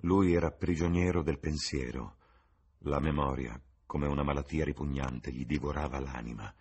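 A man reading a novel aloud in a measured, dramatic audiobook narration. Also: a bass voice, a little mellow, husky. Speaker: reader.

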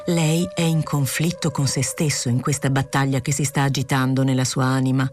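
A woman reading as a calm, frank male doctor. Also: a bass voice, normal speed, over music. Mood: earnest. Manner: calm, probing, gently lecturing.

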